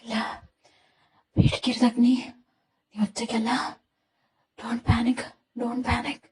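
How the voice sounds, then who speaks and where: A woman voicing a frightened young man locked in a dark room, pleading and sobbing in panic. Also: a little high, level tone, slow pace. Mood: nervous. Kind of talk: fan audio drama acting. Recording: roomy, distant amateur recording.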